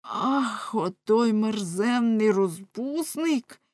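Woman reads a jealous grown husband, loud and ranting, in a dry close storybook read. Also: on the low side, unhurried, no room sound. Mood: furious. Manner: loud, ranting, anguished outbursts. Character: jealous, hot-tempered husband, grown man.

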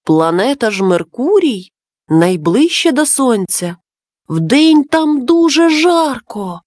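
Storybook: woman doing a wise male dove friend, slow, patient explaining, lilting. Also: sits high, darkish tone, no room sound, studio quality, heavily acted.

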